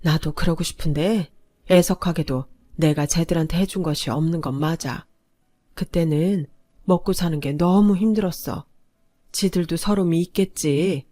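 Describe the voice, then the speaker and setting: Brief: frail sorrowful grandmother, gentle and resigned, read by a woman. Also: on the low side, normal speed, lightly acted. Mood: sad.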